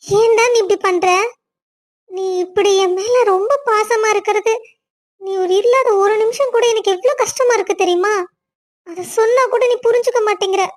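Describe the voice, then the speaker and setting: Cartoon lead: a woman playing a loving, tearful young wife, squeaky-high voice, emotional. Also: animated, normal speed, long pauses. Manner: emotional, weepy, pleading. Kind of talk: cartoon family drama voice acting.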